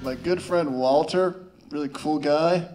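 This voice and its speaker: A man's voice: on the high side, a little slow, a little mellow, faint music behind. A male stand-up comedian telling a rambling story with stammers, restarts and chuckles.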